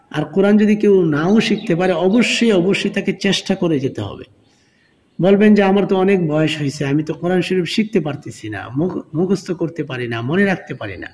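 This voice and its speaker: A man with a slightly higher-than-usual voice and a Bangladeshi Bengali accent leads a recorded reading lesson. He drills syllables slowly and spells out each rule again and again with patient care. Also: a little mellow. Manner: slow, drawn-out syllable drills alternating with plain explanation; patient, repetitive instruction. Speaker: Quran reading teacher.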